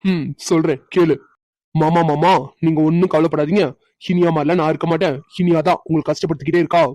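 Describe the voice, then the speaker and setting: In cartoon voice acting, a performer plays a playful young husband who chuckles as he teases his wife. The natural, mellow voice is mid-range with fairly even intonation and a fast pace, recorded without echo.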